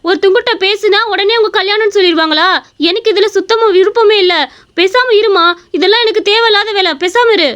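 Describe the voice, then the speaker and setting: A woman's voice: very high voice, a little fast, pitched above the performer's own voice. A woman voicing a stubborn young college-age daughter in a cartoon story, talking back sharply. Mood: defiant. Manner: sharp, defiant, dismissive. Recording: dull lo-fi recording.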